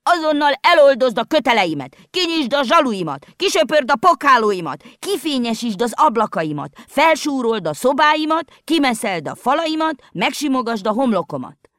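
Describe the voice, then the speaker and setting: A woman voicing an old house that cries out in a raspy, screeching voice in a storybook reading. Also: sits high, very animated, fairly bright tone, dry recording, studio quality, voice pushed up. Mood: demanding. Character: old house crying out for help.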